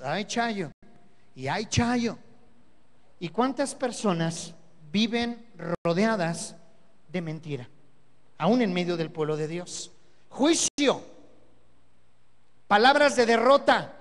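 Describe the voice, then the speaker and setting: A man's voice: extremely high pitch, a bit bright. A man with a Mexican Spanish accent preaching a Sunday sermon as pastor, emphatic, repeating key words and asking rhetorical questions. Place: church service hall. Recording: long reverb of a church hall.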